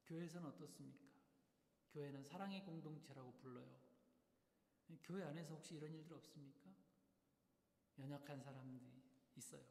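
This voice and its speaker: A man's voice: a little high, a little mellow. Emphatic preaching man in echoey hall. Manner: emphatic preaching with rhetorical questions. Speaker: pastor. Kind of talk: sermon. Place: church sanctuary. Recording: echoey hall, long reverb.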